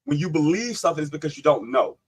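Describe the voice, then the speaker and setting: A man's voice: a little high, sing-song, fast, breathy edge. A man hosting a live online panel, debating insistently, cutting in and repeating his questions. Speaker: livestream host.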